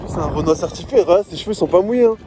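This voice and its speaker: A man's voice: high voice, expressive, very fast, over music. A young man casually narrating a hiking vlog outdoors, joking and talking to his viewers as the team. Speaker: vlogger. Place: outdoors in the mountains. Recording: outdoor wind noise.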